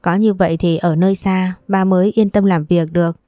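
A woman reading as a tender young mother in a storybook reading, soft and patient, speaking with a mellow, warm tone. The voice sits close and dry, with very little room sound. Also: fairly low pitch, steady tone, brisk, no echo, lightly acted. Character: gentle young mother talking to her son. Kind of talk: audiobook character dialogue.

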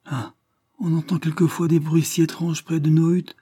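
A man's voice: fairly high pitch, level tone, normal speed, dark tone, slightly rough, voice pushed up. A man voicing a sly, lying old peasant widow who whines and pleads. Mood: whining pleading.

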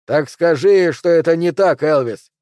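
A man's voice: on the high side, moderate pace, a little mellow, dry recording, studio quality, close to an everyday voice. A man voicing a sweating man pleading at gunpoint. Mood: tense. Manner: tense, pleading.

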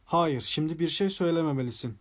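A man voicing an elderly, sharp-witted spinster detective who speaks gently and politely in an audiobook. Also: on the high side, fast talker, close to an everyday voice. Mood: triumphant.

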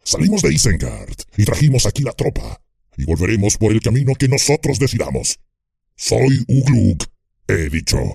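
A man voicing a gruff, domineering male orc captain in an audiobook, with a hoarse, growling voice and a blunt, commanding manner. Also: lowish voice, very animated, normal speed, darkish tone, dry recording, clean studio sound, voice pushed up, full character voice. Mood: boastful. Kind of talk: audiobook character voice.

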